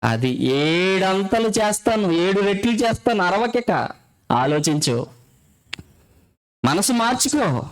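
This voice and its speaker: A man preaching a sermon. He fires off rhetorical questions, repeats phrases for emphasis, and moves between quick explanation and slow, drawn-out scripture reading. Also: sits high, expressive, clean tone, poor audio.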